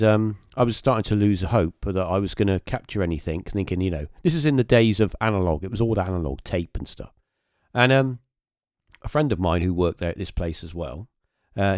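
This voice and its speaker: A man's voice: sits low, fairly quick, darkish tone, no echo, studio quality. A man, hosting a podcast and recounting a story casually, rambling with many fillers and restarts. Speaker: podcast host.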